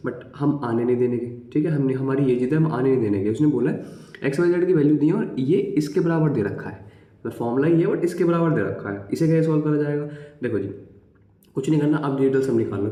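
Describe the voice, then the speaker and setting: A male maths teacher talks through an exam-prep lesson in a relaxed, mellow voice. He counts digits aloud and keeps checking in with his students. The room around him sounds echoey. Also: mid-range voice.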